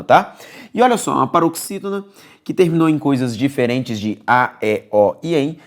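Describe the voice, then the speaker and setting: A man with a Brazilian accent teaching an exam-prep grammar lesson, coaxing and repetitive, often checking in with his students. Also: medium pitch. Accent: Brazilian Portuguese. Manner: lively, coaxing, repeats key words, checks in with "beleza?".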